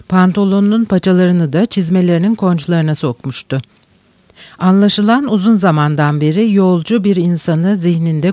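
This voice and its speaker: A man narrating a novel as an audiobook, in slow, measured storytelling. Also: high voice, darkish tone, no room sound.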